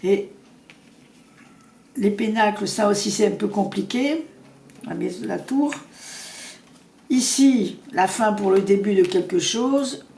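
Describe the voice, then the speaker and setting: Fast-talking woman reading tarot cards. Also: medium pitch, a little mellow. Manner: fast, rambling with many restarts. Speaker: tarot reader. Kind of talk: casual tarot reading to camera. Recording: echoey room with faint noise.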